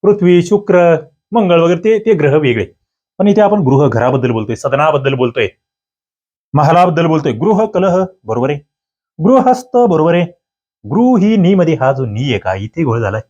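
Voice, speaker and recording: A man teaching an exam-prep grammar lecture, lively and coaxing, asking students for answers. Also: a little high, normal speed, dull audio.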